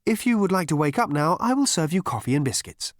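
A prim female android stewardess in an audiobook, sweetly courteous, put on by a male narrator. Her voice sits well above the reader's own and comes out louder. The recording is dry and close. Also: a little high, big pitch swings, quick pace, no echo, voice pushed up. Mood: sweetly polite.

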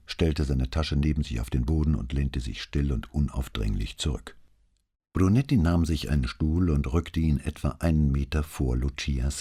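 A man reads a crime novel aloud in a calm, measured narration. His voice is extremely low and dark, with a soft, husky texture throughout. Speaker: audiobook narrator.

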